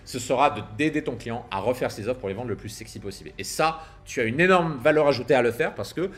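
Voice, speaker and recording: A copywriting coach talks straight into his own camera outside at sunset, speaking fast in a mid-range, slightly bright voice with lively intonation. His casual delivery is punchy and emphatic, peppered with slang and the odd curse.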